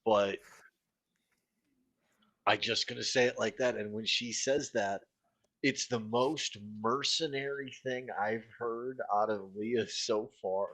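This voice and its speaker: A man's voice: mid-range voice, slow, fairly bright tone. A man playing a tabletop game, blunt and wry, who explains his character's actions in detail. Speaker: player. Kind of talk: casual tabletop play, in and out of character.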